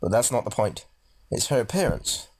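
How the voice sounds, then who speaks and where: Reading visual novel narration aloud in a dramatic way, this let's play host also throws in casual jokes, all over background game music. He speaks at a normal speed in a lowish, darkish, sing-song voice.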